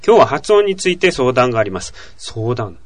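A man's voice: medium pitch, a little fast, no room sound. A man hosting a language podcast, explaining pronunciation in casual chat and acting out sounds aloud. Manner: lively, demonstrates sounds aloud. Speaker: host, chief editor of a Korean language podcast.

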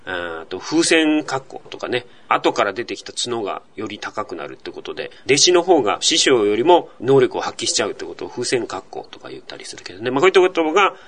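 Lively man explaining pronunciation on a podcast. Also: mid-range voice, fairly quick, few pauses. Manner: lively, explains patiently with rhetorical questions. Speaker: podcast host teaching Korean.

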